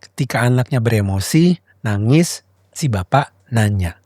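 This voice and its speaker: A man's voice: mid-range voice, expressive, normal speed, darkish tone, no echo, clean studio sound. A man co-hosting a parenting podcast who talks about his practice and acts out examples. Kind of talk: casual podcast conversation.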